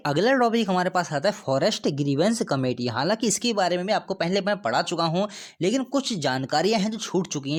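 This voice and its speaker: A male teacher with a voice pitched a little above the usual delivers an exam-prep lecture. He keeps asking rhetorical questions and answering them, and he goes over each important date twice so it sticks. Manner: explains step by step, repeats key dates, asks and answers his own questions.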